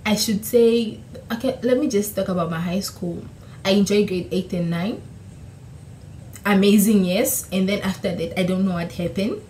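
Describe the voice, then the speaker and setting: Speaking at normal speed, this young Namibian woman has a mid-range, slightly mellow voice, and her first language is Oshiwambo. The YouTuber sits facing her camera indoors in a small room at home, answering questions in a chatty vlog, laughing and correcting herself; the room echoes and a faint hiss is present.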